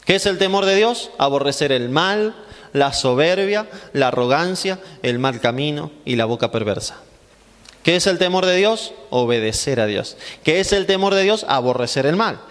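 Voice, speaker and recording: Male pastor, high voice, emphatic and repetitive, heard in a long-reverb hall. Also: lively intonation, normal speed, fairly bright tone. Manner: asks rhetorical questions and answers them himself; emphatic, repeating phrases for stress. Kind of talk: Bible class sermon.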